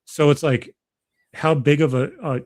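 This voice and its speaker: A man's voice: on the high side, steady tone, a little slow, a little mellow. A man in his thirties co-hosting a casual podcast, talking bluntly and swearing freely as he rambles through his thoughts. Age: 30s. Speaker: podcast co-host.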